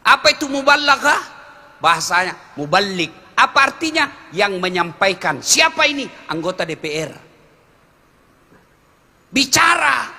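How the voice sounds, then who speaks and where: A man preaching a humorous sermon to a congregation, animated, swinging from low asides to loud exclamations. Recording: reverberant hall.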